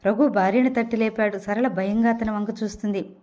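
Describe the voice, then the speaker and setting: A woman reading an audio novel aloud as its narrator, in steady storytelling. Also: mid-range voice, brisk. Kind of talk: scripted narration.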